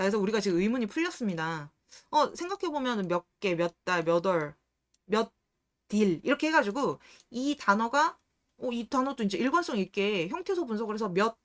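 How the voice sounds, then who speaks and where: A woman explaining Korean pronunciation rules in a lesson. She poses questions to her viewers and answers them herself, and she repeats words slowly to show how they sound. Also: medium pitch, a bit bright. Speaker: reading and debate instructor.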